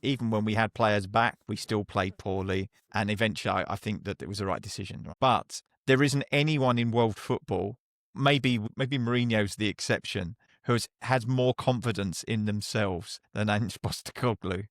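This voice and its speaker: A man co-hosting a football podcast, giving measured analysis that turns frustrated, in casual chat. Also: fairly low pitch, no room sound, studio quality.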